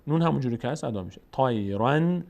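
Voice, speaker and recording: Guy teaching quran reading, stretches out the chant then talks fast between. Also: medium pitch, lively intonation, dull audio. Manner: alternates drawn-out chanted syllables with quick spoken explanations. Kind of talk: tajweed lesson, spelling out and chanting verses slowly.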